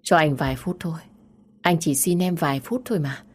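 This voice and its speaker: A woman's voice: low voice, brisk, husky. A woman voicing a young man who insistently pleads for a few minutes to talk. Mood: pleading.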